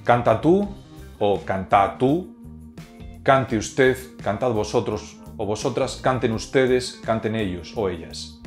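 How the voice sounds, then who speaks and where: A man narrating a scripted grammar lesson, reciting verb forms slowly and deliberately. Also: on the low side, expressive. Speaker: teacher. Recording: faint guitar music behind.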